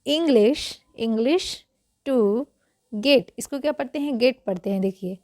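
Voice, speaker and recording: A woman's voice: a little high, a little slow, dark tone, dry recording, clean studio sound. A woman teaching English reading in Hindi, patiently repeating each word and quizzing the viewer.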